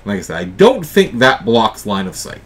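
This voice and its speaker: Male host, board game let's play; swings between dramatic readings of game text and casual rules talk, animated pitch. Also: normal speed, slight background noise. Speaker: host and player.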